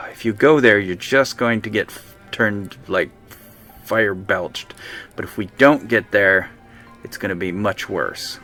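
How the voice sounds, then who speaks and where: A man streaming a game live, excitably talking to his units and chatting with viewers. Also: fairly low pitch, slow, faint music behind. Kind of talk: live let's-play commentary.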